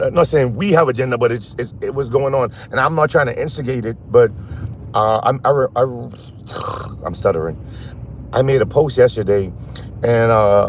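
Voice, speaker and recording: A man hosting a casual phone livestream while driving at night, rambling and halting as he talks to his chat. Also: medium pitch, slight background noise. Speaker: live stream host. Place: in a car at night.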